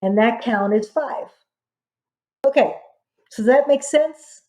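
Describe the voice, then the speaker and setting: A woman instructor narrating a software tutorial step by step, dictating what gets typed piece by piece. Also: a little high, slow.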